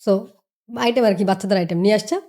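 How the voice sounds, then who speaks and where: A woman's voice: mid-range voice, fast, mellow. A woman giving motivational business advice on a podcast. She lectures emphatically, repeating points and firing rhetorical questions. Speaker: business mentor.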